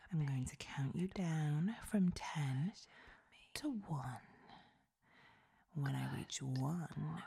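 A woman voicing a seductive, domineering goddess in an adult whispered role-play, with a breathy, creaky goddess voice and a commanding, sensual manner. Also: sits low, dark tone, exaggerated voice.

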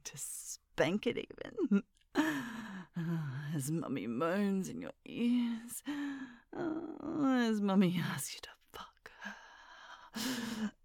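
Slow, husky, commanding whispering woman. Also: mid-range voice, big pitch swings, a little mellow, no room sound, studio quality. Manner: dominant, teasing, commanding whisper. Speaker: erotic audio roleplay performer. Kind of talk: intimate scripted whispered roleplay. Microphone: close microphone.

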